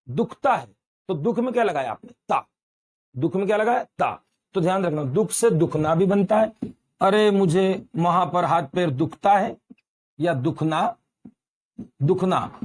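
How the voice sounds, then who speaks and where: Male Hindi grammar teacher from Uttar Pradesh, high voice, quizzes the class and repeats key words. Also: a little mellow. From Uttar Pradesh, India. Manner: addresses students as beta, repeats quiz questions.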